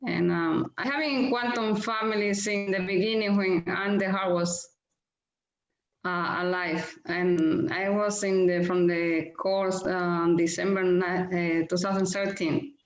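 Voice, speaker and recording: A woman's voice: lowish voice, fairly even intonation. Laughing woman from the Dominican Republic. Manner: laughs often, slightly halting English. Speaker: caller. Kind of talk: casual group video call. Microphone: video call. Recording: echoey, dull video-call audio.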